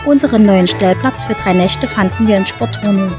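A woman reading calm, descriptive scripted narration for a travel video. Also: mid-range voice, normal speed, over music.

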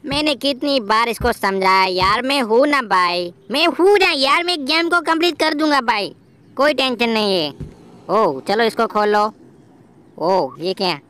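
A man voicing an excitable, jokey young male game hero in a playful gameplay voiceover, full of exclamations. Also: very high-pitched, measured pace, smooth, full character voice. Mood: excited. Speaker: gameplay commentator voicing a character.

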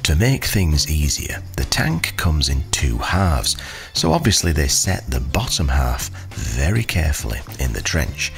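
A man's voice: rumbling low, very animated, unhurried, gravelly, hardly any pauses. A man giving scripted voice-over narration with dry, wry humor.

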